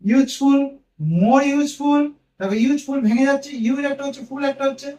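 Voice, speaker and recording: A man with a very high voice teaches grammar patiently, spelling each word out letter by letter. He sounds set back from the mic, and his voice rings in an echoey room. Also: moderate pace, mellow, far from the mic. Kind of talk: explaining grammar to students.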